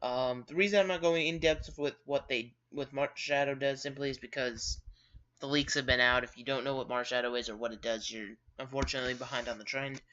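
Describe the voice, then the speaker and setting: Bright-voiced man with lo-fi sound. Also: medium pitch, fairly even intonation, a little fast. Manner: rambling, many fillers and self-corrections. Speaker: gaming news host. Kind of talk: casual video-game news commentary. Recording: dull lo-fi sound.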